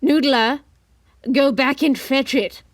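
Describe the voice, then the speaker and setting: A high, slow, commanding pirate captain from an audio drama, acted by a woman. The captain bullies the crew in archaic pirate speech. The sound is close and dry. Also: fairly even intonation, dry recording. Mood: angry, threatening. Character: menacing, imperious pirate captain, a man.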